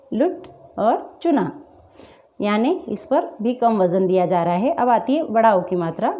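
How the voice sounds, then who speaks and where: High-voiced woman teaching in a lo-fi recording. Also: warm tone. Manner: asks the class questions and answers them herself. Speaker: Hindi teacher. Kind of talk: classroom-style lesson, slow drilled pronunciation. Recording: dull lo-fi recording.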